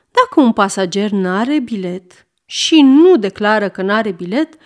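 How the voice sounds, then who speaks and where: A woman reading a story aloud with lively, expressive narration. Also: mid-range voice. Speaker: reader.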